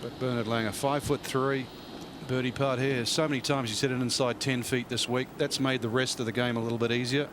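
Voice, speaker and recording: A man's voice: medium pitch, steady tone, fairly quick. A man giving conversational commentary on a golf tournament as a commentator. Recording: outdoor broadcast, clear ambient noise.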